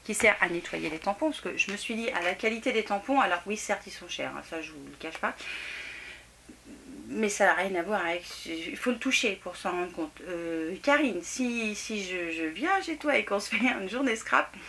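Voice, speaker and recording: A middle-aged woman rambles warmly through a craft haul at home, bright and forward in tone, full of hesitations and self-mocking laughs. A faint hiss sits under her voice from a home camera mic. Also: medium pitch, normal speed, gravelly. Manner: chatty, laughing, self-mocking, lots of fillers. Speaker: craft vlogger. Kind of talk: casual haul chat to camera. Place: home room near a table.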